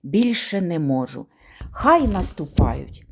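A woman's voice: lowish voice, sing-song, slow pace, vocal fry, slight background noise, pitched below the performer's own voice, full character voice. A woman voicing a frightened, touchy village boy who calls out, snaps and pants as he crawls through a cornfield. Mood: exhausted. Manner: yelling, irritable, breathless.

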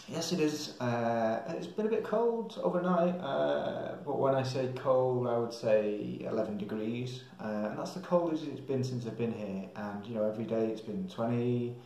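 Here a young English travel vlogger thinks out loud and rambles in a hesitant, casual way to his camera. His voice is medium-pitched and warm. The small, hard-walled tiled room around him makes everything sound very echoey.

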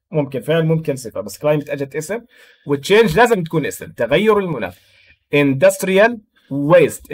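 Jordanian man teaching English, slightly high voice. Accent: Jordanian Arabic. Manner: switches between slow read English and quick Arabic explanation. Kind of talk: explaining a textbook lesson.

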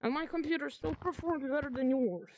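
A woman's voice: high-pitched, brisk, darkish tone. A woman livestreaming and chatting casually, bragging and swearing while teasing a friend. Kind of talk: casual gaming stream chat.

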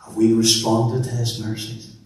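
A male minister preaching a sermon in earnest, repeating words as he builds emphasis, with touches of gentle storytelling humor. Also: on the low side, monotone, moderate pace. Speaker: minister leading worship. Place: large church sanctuary. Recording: echoey church from a distance.

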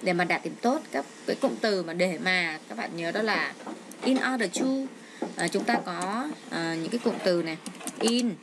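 A middle-aged woman with a fairly low pitch and normal speed gives an English exam walkthrough lesson, explaining each step with frequent hesitant fillers. She records at home with a child nearby, and the audio is noisy.

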